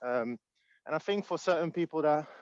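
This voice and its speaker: A man's voice: on the high side, moderate pace, clear, resonant tone, dry recording, highs cut off. A man talking thoughtfully in a casual group discussion while out of breath from climbing a hill, hesitating often with ums. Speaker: community group participant.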